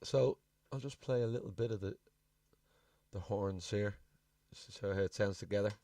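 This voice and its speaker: A man's voice: on the low side, moderate pace, warm tone. A man giving a casual music production walkthrough, informal and thinking aloud as he presents. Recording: distant mic, music playing behind.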